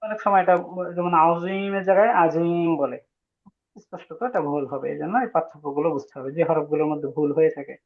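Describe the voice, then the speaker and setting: A man's voice: fairly high pitch, fairly even intonation. A man teaching Arabic letter pronunciation in an online class, patiently drawing out sounds and calling on students. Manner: patient, drawn-out demonstration of sounds, calls on students. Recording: tinny phone-like line.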